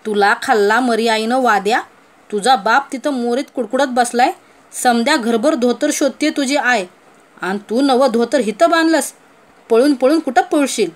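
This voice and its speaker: A woman voicing an angry old village grandmother who shouts curses in rough rural speech. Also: on the high side, normal speed, close to an everyday voice. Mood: furious scolding.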